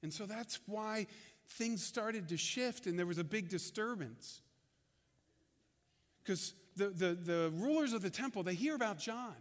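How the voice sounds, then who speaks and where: A pastor with a notably high voice preaches to his congregation at a measured pace with lively intonation. His delivery is conversational and unpolished, full of restarts and repeated words, and the long reverb of a large church hall surrounds it.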